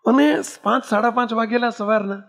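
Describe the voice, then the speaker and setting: A man with a notably high-pitched voice gives a devotional storytelling sermon. He moves animatedly through an anecdote and keeps checking in with his audience through rhetorical questions. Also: fairly even intonation, a little fast, creaky, a bit bright. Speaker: spiritual leader giving a discourse.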